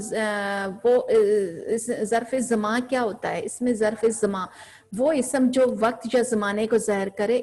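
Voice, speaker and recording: A woman teaching a grammar class, asking her students questions and then answering them herself. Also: a little high.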